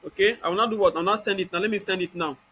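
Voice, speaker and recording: In a high, husky voice that races along, a Nigerian-accented man leads an informal software tutorial one step at a time. He keeps asking himself rhetorical questions and then answering them.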